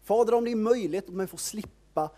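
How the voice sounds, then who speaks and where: An anguished Jesus pleads in earnest prayer, as a preacher acts him out. The voice sits a little higher than the preacher's own and stays mellow, with casual, modern wording. It sounds like a sermon retelling rather than a stage play. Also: male voice, close to an everyday voice. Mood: pleading prayer. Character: anguished Jesus praying, grown man in distress.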